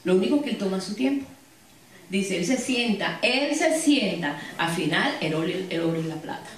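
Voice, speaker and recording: A woman's voice: mid-range voice, lively intonation, normal speed. A woman preaching a sermon and telling stories to her congregation with frequent asides. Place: church hall. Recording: echoey hall, distant mic.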